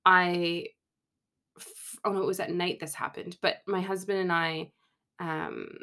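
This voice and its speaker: A woman's voice: lowish voice, fairly even intonation, a little slow, bright, forceful tone. A woman in her thirties from Canada telling a personal story on her podcast, chatty and self-mocking, often laughing mid-sentence. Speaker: podcast host. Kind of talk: casual storytelling monologue.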